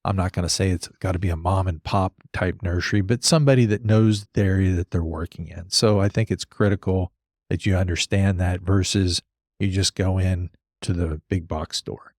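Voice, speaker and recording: Low-voiced man hosting a casual podcast. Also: steady tone, normal speed, darkish tone, no room sound, studio quality. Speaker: podcast host, landscape architect. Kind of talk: casual conversational explaining.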